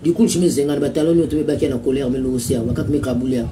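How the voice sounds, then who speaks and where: A man's voice: mid-range voice, fast talker. A man with a Congolese accent, hosting a radio show in a rambling, repetitive monologue full of filler sounds. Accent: Congolese (Brazzaville). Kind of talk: casual commentary monologue. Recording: distant mic with a noisy background.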